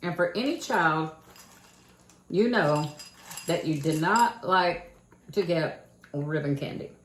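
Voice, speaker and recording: Taking her time, this deep-voiced older woman reminisces about her childhood in a folksy Kentucky accent. She's the host of a casual home vlog channel, and the echoey room carries a faint noise.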